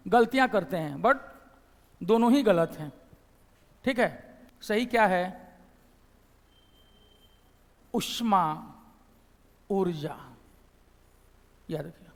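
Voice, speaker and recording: A man's voice: sits high, lively intonation, measured pace, vocal fry, pauses often, long reverb tail. A man from Bihar with a Bihari Hindi accent, teaching a classroom lecture. He explains step by step, repeats phrases and keeps asking his class questions.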